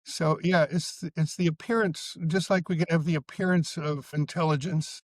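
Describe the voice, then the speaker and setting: A man's voice: on the high side, steady tone, moderate pace, no echo. Thoughtful man, dry close sound. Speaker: psychotherapist guest. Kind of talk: casual podcast conversation.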